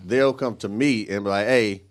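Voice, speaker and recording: A man's voice: fairly low pitch, a little fast. A man in his thirties, a stand-up comedian chatting casually on a talk show, telling stories in a laid-back way with frequent restarts. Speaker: comedian guest. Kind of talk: casual chat.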